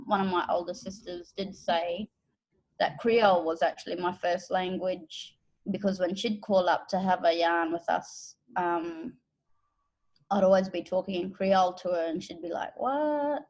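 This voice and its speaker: An educator and interpreter from Australia's Northern Territory tells her own story in a relaxed personal account. Her voice is lowish and the audio is poor, and she takes her time, thoughtful, with pauses and fillers.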